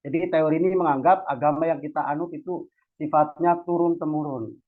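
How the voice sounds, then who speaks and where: A man from Cilacap, Central Java, Indonesia, hosts and speaks at an academic discussion, giving an informal, chatty, slangy lecture. While explaining, he keeps adding checking tags to make sure listeners follow. His voice is fairly high, steady, and fairly quick, over tinny, phone-like online audio.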